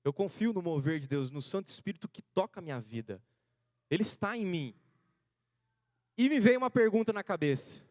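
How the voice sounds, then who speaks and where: A man in his thirties from Brazil, a seminarian preaching a sermon built around a personal story, his delivery swinging between hushed and loud, rising passages. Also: sits high, animated, fairly quick, pauses often, dry recording, clean studio sound. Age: 30s. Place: church hall.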